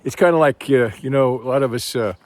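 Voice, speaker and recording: Walking along an outdoor trail, a vlogger from Texas talks casually into his phone in a Texan accent, rambling and thinking aloud. His voice is medium-pitched and fast.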